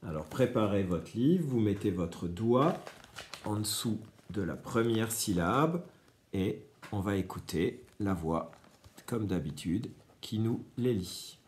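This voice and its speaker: A man's voice: on the low side, animated, slow, darkish tone, slight background noise. A man teaching a reading lesson to young children, patiently stressing each key word.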